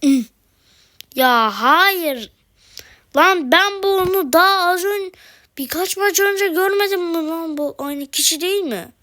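A woman's voice: very high voice, slow, pushed and bright. A woman commentating her own mobile game, exasperated, exclaiming and pleading at the screen. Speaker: gaming video host.

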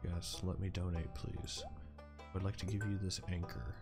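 A man's voice: low voice, little pitch movement, normal speed. A man hosting a gaming channel, giving casual let's play commentary. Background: game music, keyboard typing.

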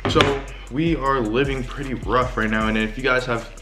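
A man's voice: medium pitch, steady tone, moderate pace, reverberant, over music. A man in his twenties chatting casually in slang to viewers, rambling and talking while chewing food. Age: 20s. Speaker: vlogger eating on camera. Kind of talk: casual mukbang chat. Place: large living room indoors. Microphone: camera a short distance away.

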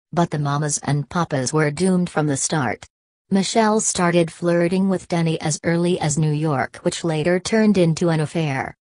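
Very low-voiced woman narrator. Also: darkish tone, dry recording. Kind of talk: scripted narration.

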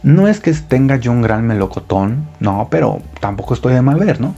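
A man's voice: medium pitch, sing-song, normal speed, mellow. A man narrating a listener's story in the first person, in a confiding, playful way. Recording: muffled audio with music underneath.

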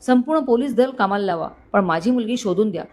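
A woman's voice: a little high, lively intonation, brisk, a little mellow, close to an everyday voice. A woman voicing an elderly wealthy father who sounds earnest and pleading, in a storybook reading. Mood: worried.

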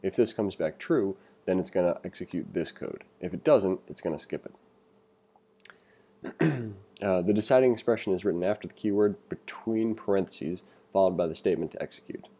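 A deep-voiced man with a soft, dark, husky tone narrates a screen recording at normal speed. Leading a read-along programming tutorial, he shifts between reading aloud and chatty asides, offering his own opinions freely.

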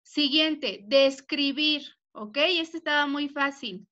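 Woman teacher, young, high and bright, slow and patient, affectionate with kids, dull video-call audio. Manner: patient, spells words out, checks in with "ok?"; affectionate with pupils. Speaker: primary school teacher. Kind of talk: online class instruction. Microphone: computer mic on a video call.

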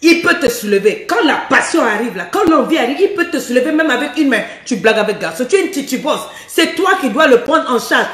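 A high-pitched woman with a hoarse edge to her voice gives frank relationship advice as a coach. She is bold and teasing, laughing between lines and speaking right to her listener. The sound carries a roomy echo. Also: very animated, a little fast, few pauses, fairly bright tone, distant mic. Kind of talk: frank advice monologue to women viewers.

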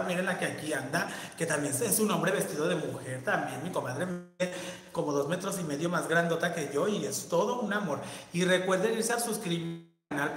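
A flamboyant man with a Mexican accent chats casually to viewers on a livestream, reading their comments aloud in a bright, forceful voice. The room is very echoey, with a long reverb trailing each phrase. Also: high voice.

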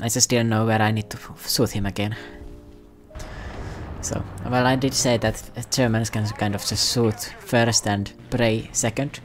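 A man giving casual, self-mocking, rambling commentary over his gameplay. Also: fairly low pitch. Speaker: gaming commentator.

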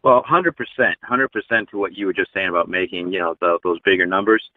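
A truck driver in his forties, appearing as a guest in a casual interview over a video call, speaks earnestly and with many fillers. His voice sits low and runs a little fast, with no room sound, though the line sounds tinny like a phone.

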